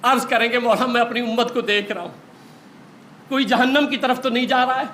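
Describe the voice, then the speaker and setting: A man's voice: very high-pitched, fairly even intonation, fairly bright tone, slight background noise. A man preaching a sermon in an impassioned, rising voice, recorded in a large echoey hall.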